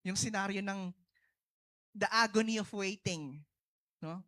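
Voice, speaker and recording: A man's voice: high-pitched, measured pace. A man with a Filipino accent, a pastor preaching a sermon testimony in short bursts and mixing two languages, often checking with the congregation with "no?" and "di ba?". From Philippines. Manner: switches between Tagalog and English, asks the congregation "no?" and "di ba?"; talks in short bursts with big swings in loudness.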